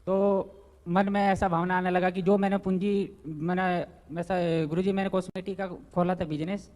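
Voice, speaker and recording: Deferential devotee in his thirties, high voice, halting delivery. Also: little pitch movement, darkish tone. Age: 30s. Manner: deferential, halting, keeps saying guruji. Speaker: devotee asking a question. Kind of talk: personal question to a spiritual teacher.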